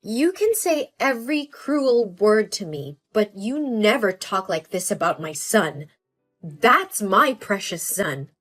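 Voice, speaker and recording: An actress playing a devoted mother and fed-up wife who stands up to her husband in a calm, measured way. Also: medium pitch, soft background music, exaggerated voice. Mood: angry. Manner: calm, measured, quietly defiant.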